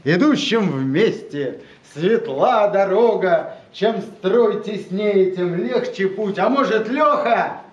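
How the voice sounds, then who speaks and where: A man gives a dramatic poetry declamation in a high, very animated voice. He stretches his words and stresses the rhythm emphatically. The recording carries the echo of a room. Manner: emphatic, drawn-out, rhythmic delivery. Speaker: poet reading own verse. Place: gallery room with seated guests at tables. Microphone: handheld camera nearby. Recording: muffled, noisy, echoey room recording.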